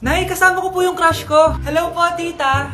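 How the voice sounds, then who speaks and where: A woman acting out comedy skits in an excitable, shrill way, often shouting. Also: moderate pace. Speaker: comedy skit creator. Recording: roomy sound with background music.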